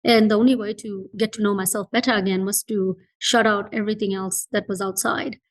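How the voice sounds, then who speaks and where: This entrepreneur from Fiji, interviewed as a guest, talks a little fast in a medium-pitched voice with fairly even intonation. She's reflective and conversational, yet earnest and emphatic, repeating phrases for emphasis.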